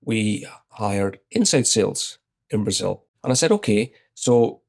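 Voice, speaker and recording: A lowish voice with vocal fry and a measured pace belongs to a man in his fifties from Scotland, an executive guest with a Scottish accent. In conversational interview storytelling, he calmly relates an anecdote, retelling his own exchanges.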